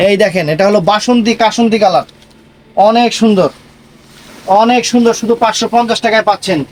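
A man giving a live online sales pitch in an emphatic, repetitive patter. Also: fast talker, low-quality recording. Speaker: online saree seller.

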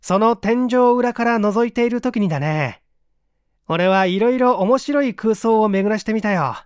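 In a dramatic mystery audiobook reading, a man voices a smug amateur detective who boastfully explains his tricks in a taunting, self-satisfied way. He pitches his voice high, above his natural range, acting it lightly at a moderate pace with a smooth tone. The mood is musing and excited, and the recording is dry and studio quality.

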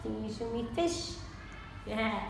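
A woman's voice: a little high, lively intonation, measured pace, creaky. A young woman teacher speaking to a toddler in simple short questions and encouraging praise, recorded indoors in a small classroom. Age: young adult. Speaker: English teacher of a young child. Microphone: camera a few feet away. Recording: echoey room, distant mic, noisy background.

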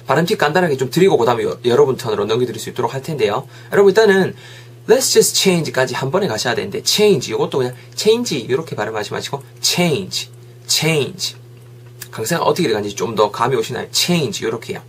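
A man's voice: medium pitch, lively intonation, fast talker, husky. A man teaching English in a video lesson, coaxing students and drilling phrases over and over.

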